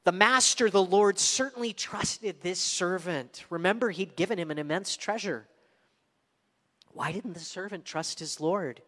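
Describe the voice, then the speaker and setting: A man with a fairly high voice preaches a sermon, slipping into dramatic voices to act out the characters of his story. His words ring out with a long reverb, as in a large church sanctuary. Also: unhurried, a bit bright. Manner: dramatic, acting out voices of the servant and master. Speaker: pastor.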